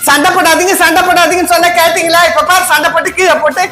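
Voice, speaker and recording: A woman's voice: very high-pitched, fairly even intonation, racing, music in the background. A woman voicing a bossy, scolding mother in a comedy skit.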